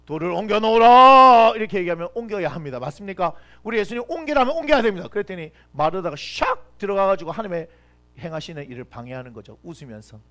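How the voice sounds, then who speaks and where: A man preaching a lively youth sermon as pastor, swinging from loud exclamations to quiet asides and acting out Bible figures. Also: high-pitched, quick pace.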